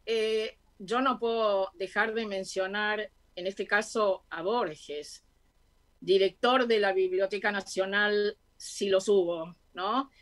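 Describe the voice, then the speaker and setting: A woman co-hosting a radio talk show, measured and fond of reciting poetry. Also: medium pitch, fairly even intonation. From Argentina. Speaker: radio co-host. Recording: dull lo-fi radio sound.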